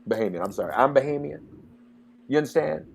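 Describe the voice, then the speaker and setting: A man's voice: mid-range voice, expressive, fast, gravelly, a little hiss or hum. A man hosting a radio talk show, speaking with passion and getting worked up like a preacher. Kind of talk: interview and commentary.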